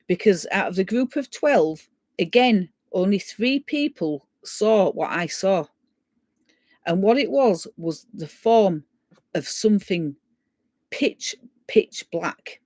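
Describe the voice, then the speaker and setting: A woman's voice: medium pitch, a little mellow, no echo. Woman telling a ghost story. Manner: clears throat often, acts out quoted voices. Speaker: guest storyteller. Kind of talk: casual spoken ghost story.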